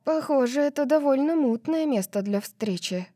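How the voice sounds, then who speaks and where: A woman reading the lines of a nervous young female student in an audiobook, hushed and uneasy. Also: high voice, lively intonation, normal speed, no room sound, studio quality, voice pushed up.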